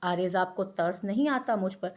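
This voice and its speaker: A woman's voice: mid-range voice, moderate pace, lightly acted. A woman voicing a playful, sulky young wife in an audio novel, coquettish and pouting.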